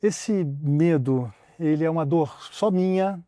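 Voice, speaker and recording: A man's voice: fairly high pitch, measured pace, mellow, dry recording, studio quality. A man from Brazil hosting a podcast, asking reflective questions and giving short affirmations. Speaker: podcast host. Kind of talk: interview conversation.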